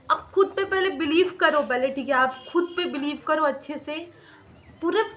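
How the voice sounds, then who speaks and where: Bright-voiced young woman confiding. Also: high voice, a little hiss or hum. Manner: emotional, confiding, mixes English phrases. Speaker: vlogger. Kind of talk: personal storytelling vlog.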